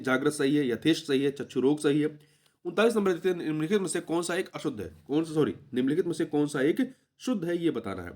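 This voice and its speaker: A man with a voice a little higher than most works through exam questions one by one. He repeats each key word and corrects himself mid-sentence, like a tutor reviewing answers. His delivery is methodical and explanatory. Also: darkish tone.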